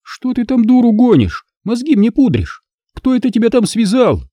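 A man's voice: extremely high pitch, huge pitch swings, normal speed, dark tone, no room sound, muffled recording, voice pushed up, full character voice. A man reading an audiobook voices a spiteful, scheming young woman who taunts and sneers. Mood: gloating mockery.

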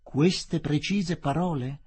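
A man's voice: on the high side, slow pace, darkish tone, husky, pitched above the performer's own voice. A man reading the part of a condescending young English official, firm and dismissive.

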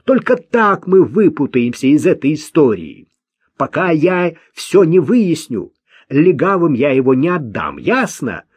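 A man's voice: fairly high pitch, very animated, a little slow, slightly rough, dry recording, voice pushed up, full character voice. A man voicing a nervous, irritable man who gives curt orders, in an audiobook. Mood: irritated. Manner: curt and commanding.

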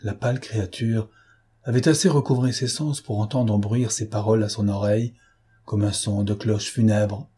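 A man narrating a novel as an audiobook in a measured, steady way. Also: fairly low pitch, breathy edge.

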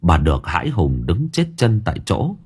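A man narrating a spooky village story dramatically, dropping to hushed lines and rising again. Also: wildly swooping pitch, normal speed, husky. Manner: dramatic, swinging between hushed low lines and raised ones. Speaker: audiobook narrator.

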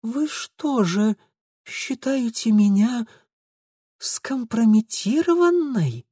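Brief: male reader doing a coquettish young lady, easily offended, high lively voice, audiobook. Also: drawn-out words, husky, dry recording, studio quality, heavily acted. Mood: coy, indignant.

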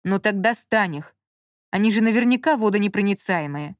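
Женщина в аудиокниге читает реплики ворчливого раздражённого мужчины, занятого делом. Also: female voice, medium pitch, expressive, moderate pace, no room sound, clean studio sound, close to an everyday voice. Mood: irritated. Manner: grumbling, irritable, muttering. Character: grumpy man absorbed in work, snappish. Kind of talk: audiobook character reading.

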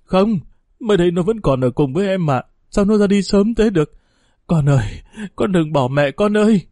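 A distraught village mother , played by a man, speaks in a raised, strained pitch. She pleads, and the dry, close recording keeps every word near. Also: expressive, brisk, darkish tone, dry recording. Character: frantic grieving village mother.

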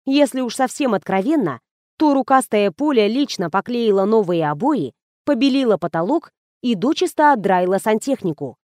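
A woman reading an audiobook in steady, scripted narration. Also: on the high side, moderate pace, no room sound, clean studio sound.

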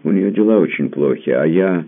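A man with a very deep, gravelly voice voicing a capricious, coquettish young woman who teases and pouts, heard through a tinny phone-like line. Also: animated, normal speed, exaggerated voice. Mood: coy. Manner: teasing, pouting, half childish.

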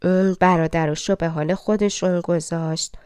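A woman narrating a fairy tale audiobook in a calm, even storytelling manner. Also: on the low side, clear, resonant tone, no room sound, clean studio sound. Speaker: audiobook reader.

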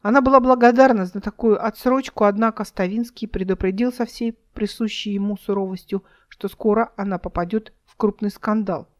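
A woman narrating her own science fiction audiobook in a measured, even reading style, voicing the dialogue only lightly. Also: mid-range voice.

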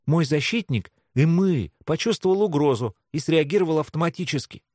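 A man reading an audiobook, voicing a calm, timid young healer girl who speaks quietly and politely. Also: a little high, a little fast, dry recording, clean studio sound, voice pushed up. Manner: quiet and polite, gently apologetic. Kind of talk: audiobook character voice.

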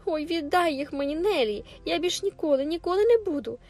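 A woman voicing a tearful teenage girl who begs in a high, breathless voice, with faint music underneath. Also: lively intonation, brisk, a little mellow. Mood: pleading.

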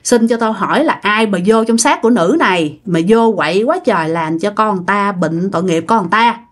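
Woman voicing a gentle pleading exorcist. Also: medium pitch, moderate pace, close to an everyday voice. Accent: Southern Vietnamese (Mekong Delta). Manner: soft, pleading, patient. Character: gentle older male exorcist master.

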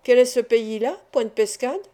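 A woman voicing a huge, slow-witted, gentle male giant who asks simple, puzzled questions. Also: fairly high pitch, close to an everyday voice.

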